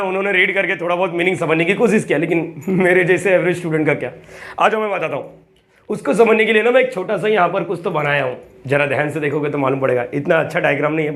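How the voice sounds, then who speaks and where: A man's voice: on the high side, a bit bright. A man teaches a math lesson in an easy, chatty way. He repeats key words, counts items aloud one by one and keeps asking his students questions. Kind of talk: casual classroom-style lesson.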